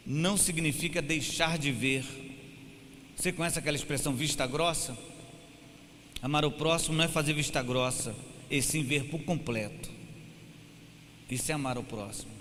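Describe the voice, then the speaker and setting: A male pastor with a Brazilian Portuguese accent preaching a sermon in church, his voice building up to loud, emphatic peaks. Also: medium pitch. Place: church hall. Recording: hall reverb, faint room noise.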